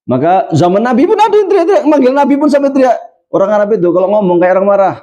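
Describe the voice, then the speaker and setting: A man's voice: high-pitched, very animated, rapid-fire, warm tone. A man teaching a moral lesson on good manners, acting out little quoted scenes as he goes. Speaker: Islamic religious teacher. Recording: dull lo-fi recording.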